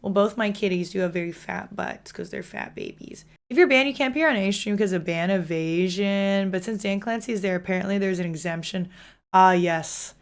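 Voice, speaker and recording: A woman's voice: medium pitch, a little fast. Young woman streamer, casual rambling chat with lots of fillers and laughs. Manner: chatty, frequent "like" fillers, laughs while talking.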